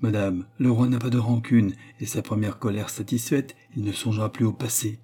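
A man reading aloud as a sly, calm abbé who speaks in a measured, cool way. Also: lowish voice, husky. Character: sly, calm male abbé, coolly probing.

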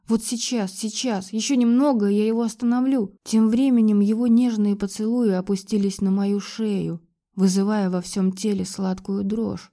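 A woman's voice: mid-range voice, dark tone. A woman narrating a first-person romance audiobook with an emotional, dramatic delivery.

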